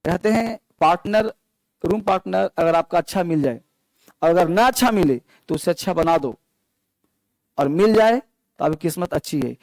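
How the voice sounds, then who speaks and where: A male teacher with a high-pitched voice lectures a classroom, quizzing the children as he explains. The sound is close and dry, with no room echo. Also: expressive, moderate pace, pauses often, darkish tone. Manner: addresses students as children, asks the class questions. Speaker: English teacher. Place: classroom with students, also streamed online.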